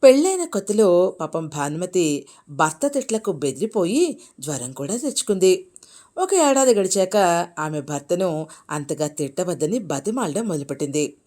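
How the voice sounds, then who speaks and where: A woman narrating a moral folk tale in an expressive, animated storytelling voice. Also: lowish voice, moderate pace.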